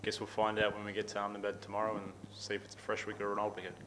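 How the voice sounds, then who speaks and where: A man in his thirties with an Australian accent, answering questions at a post-match press conference, steady and repeating words as he thinks. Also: fairly low pitch, racing, a little hiss or hum, rough recording. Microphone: table microphone.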